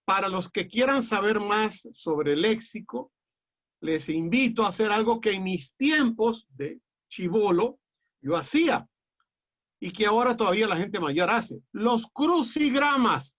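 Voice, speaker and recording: A middle-aged man with a Peruvian accent lecturing a class in a measured, explanatory way, often pausing on "eh". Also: high voice, expressive, a bit bright. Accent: Peruvian Spanish. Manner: measured and explanatory, with frequent "eh" fillers and restarts. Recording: dull lo-fi audio.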